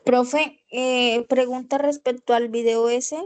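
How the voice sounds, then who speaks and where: A woman student speaks up in an online class with a tentative question. She talks slowly in a fairly high, flat voice.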